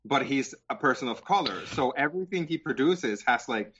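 A man making deliberate, argumentative points in a casual podcast chat. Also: mid-range voice, expressive, fairly bright tone, dull audio, a little hiss or hum.

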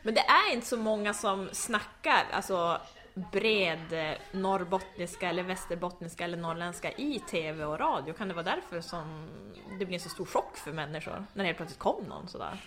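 A woman's voice: lowish voice, lively intonation, pushed and bright. A woman with a northern Swedish dialect asking interview questions in a chatty, friendly way. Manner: chatty, brief backchannels. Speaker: interviewer, journalist.

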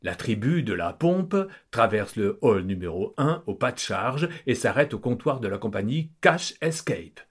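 A man's voice: fairly low pitch, animated, moderate pace, few pauses, slightly rough. A man narrating a comic story in a pompous, theatrical manner.

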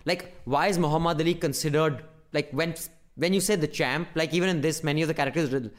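A man with a North Indian accent and a slightly raised pitch, talking as a podcast co-host. He is opinionated and emphatic, swears freely, and keeps the style casual and conversational. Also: fast.

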